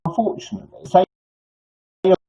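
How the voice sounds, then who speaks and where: An older man with toothless, slightly slurred articulation gives informal live advice as a clinic host, in a halting, rambling way with false starts and repetitions. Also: mellow. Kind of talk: informal live advice, answering viewer questions. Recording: dull, lo-fi sound.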